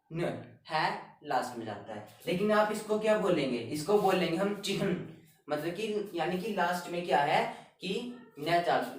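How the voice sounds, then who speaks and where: A man teaching a grammar lesson, explaining step by step and repeating each word slowly. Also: fairly high pitch. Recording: very echoey room, voice a bit far from the mic.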